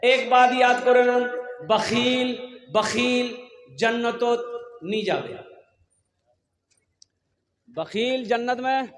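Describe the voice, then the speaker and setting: A man's voice: very high voice, very slow, pauses often. A man with a Bengali accent preaching a sermon to a mosque gathering on a public address microphone. He exhorts the crowd, calls out to them and teases them. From Kolkata, India. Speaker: Islamic preacher. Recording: echoey hall with long reverb.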